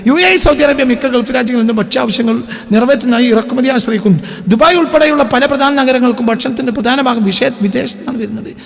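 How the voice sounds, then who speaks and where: Brief: male preacher, very high voice, rhetorical questions, reverberant hall. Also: fast talker, gravelly, few pauses. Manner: animated, asks and answers his own questions; reads news reports aloud and explains them. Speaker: Islamic preacher. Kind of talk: sermon-style talk on current events.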